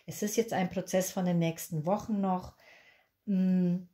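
Warm-voiced Peruvian-born woman reading tarot. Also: lowish voice, steady tone, measured pace. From Peru. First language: Spanish. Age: 50s. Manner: chatty, reassuring, repeats words for emphasis. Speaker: tarot reader. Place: indoors at a candlelit table.

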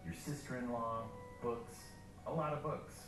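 A man's voice: mid-range voice, steady tone, unhurried. A man narrating a playful product promo video, played back into a room. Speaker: ad voice-over. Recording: video played in a room, echoey and distant with music.

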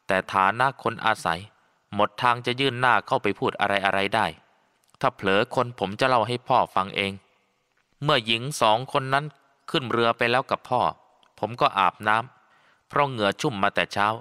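Male storyteller for a ghost-story audiobook, steady and bright-toned, with a long hall echo. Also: mid-range voice, smooth. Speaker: audiobook narrator. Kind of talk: scripted first-person story narration. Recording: long reverb.

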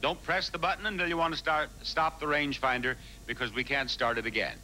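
A man's voice: a little high, steady tone, fairly quick, sharp tone, slight background noise, poor audio. A man hosting a live game show, giving contestants polite, orderly instructions.

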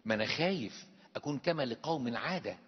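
A man's voice: mid-range voice, animated, quick pace, slightly rough, big-room sound, highs cut off. A male priest with an Egyptian accent, preaching an emphatic sermon full of rhetorical questions. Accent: Egyptian Arabic. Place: church.

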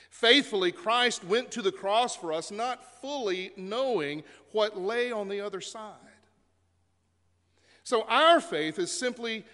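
High, bright-voiced pastor in echoing sanctuary. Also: male voice. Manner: conversational storytelling with fillers. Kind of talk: sermon. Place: church sanctuary. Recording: long reverb of a church sanctuary.

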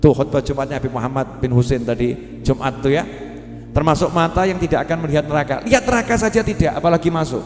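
Male preacher with a Javanese accent, folksy and joking, fairly high voice, roomy reverberant hall sound. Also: fast talker. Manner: folksy and humorous, mixing in Javanese words. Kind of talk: sermon. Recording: echoey hall with music.

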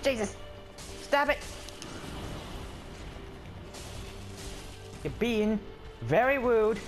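A man's voice: very high voice, animated, measured pace, over music. A man doing a jumpy, whiny little adventurer. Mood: panicked. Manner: rambling, stammering, yelping in alarm. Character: skittish, whiny little male adventurer, easily startled. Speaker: gameplay commentator. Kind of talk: in-character let's play commentary.

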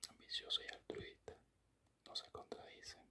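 A man in a whispered role-play as an affectionate boyfriend, speaking tenderly and intimately in a soft, breathy whisper close to the microphone. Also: moderate pace. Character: affectionate, doting boyfriend murmuring sweet praise. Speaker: ASMR performer playing a boyfriend. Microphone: close-up microphone, at the ear.

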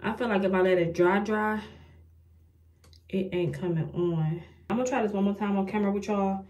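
A young woman chats casually to her viewers in a get-ready-with-me beauty vlog. Her voice sits at an ordinary middle pitch. She sounds frustrated and self-mocking, and she keeps calling the viewers "y'all.". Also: steady tone, fairly quick, a little mellow. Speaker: beauty vlogger.

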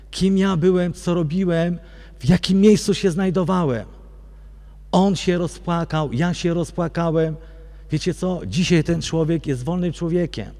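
Man, testimony in a basilica, slightly high voice, long hall reverb, direct questions to the crowd. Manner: addresses listeners directly, often asking "wiecie co?"; storytelling, soft and low on reflective parts. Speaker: guest giving a religious testimony. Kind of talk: testimony talk to a church audience. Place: large basilica church.

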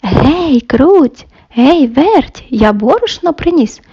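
A woman voicing a patient, hardworking little male rooster in a bedtime story, calling out loud and high. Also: very animated, unhurried, highs cut off.

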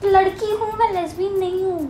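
Woman on the receiving end of a prank, very high voice, flustered and protesting, echoey and noisy room. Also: steady tone, a little fast, mellow. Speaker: prank target. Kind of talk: improvised prank video.

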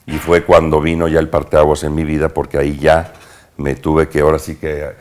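A man with a Mexican accent, an actor telling animated anecdotes from his youth as a guest in a casual interview, using slang and sound words. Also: rumbling low, moderate pace. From Mexico, Veracruz.

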